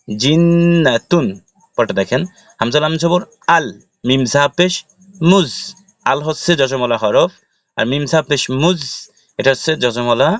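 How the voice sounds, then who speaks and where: Male Quran tutor with a Bangladeshi accent, mid-pitched, dry close mic. Spells letters aloud, then chants each word. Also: no room sound. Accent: Bangladeshi Bengali. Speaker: Quran recitation teacher. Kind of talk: step-by-step spelling lesson.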